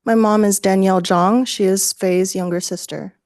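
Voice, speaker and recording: A woman in her thirties testifying as a witness in court, answering questions calmly and plainly. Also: medium pitch, normal speed, no echo, clean studio sound.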